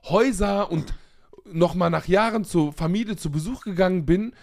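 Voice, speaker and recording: A man's voice: sits high, moderate pace, vocal fry, a little mellow. A young man co-hosting a podcast in casual, slangy banter. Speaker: podcast co-host. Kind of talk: casual chat.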